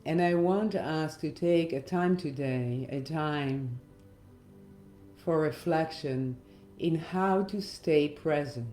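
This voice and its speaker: Speaking at a very slow pace, a middle-aged hypnotherapist and meditation guide talks through a reflective meditation with gentle pauses. Her low-pitched, mellow voice has soft edges and echoes in a spacious room, with faint music beneath.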